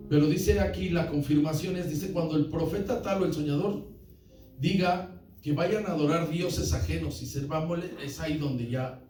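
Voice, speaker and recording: A man pastor preaching a sermon, often calling listeners brother and asking the congregation questions. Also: a little high. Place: church hall. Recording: echoey church hall, from far off.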